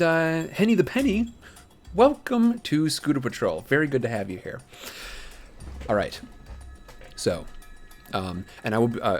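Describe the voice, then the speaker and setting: A man running a tabletop game as game master, improvising narration and thinking aloud hesitantly for his chat. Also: medium pitch.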